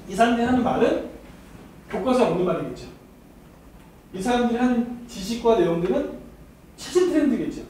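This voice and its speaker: A man's voice: very high-pitched, a little mellow. A man giving a university admissions seminar as an academy lecturer, teasing the students and speaking straight to them with frequent laughter. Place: seminar hall. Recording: very echoey hall, mic far off, faint noise.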